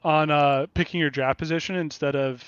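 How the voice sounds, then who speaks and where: Male host, casual and profane, laughs easily; slightly high voice, muffled dry lo-fi recording. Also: fairly even intonation, moderate pace, fairly bright tone, clean tone, dry recording. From Kansas City area, USA. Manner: profane, blunt, laughs a lot. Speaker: podcast host. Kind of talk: casual chat. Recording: dull lo-fi dry sound.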